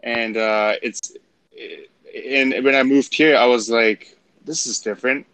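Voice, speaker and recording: A man's voice: medium pitch, fairly even intonation, unhurried, fairly bright tone, clear, resonant tone, dry recording. Friendly man in dry close sound. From Germany. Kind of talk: casual chat.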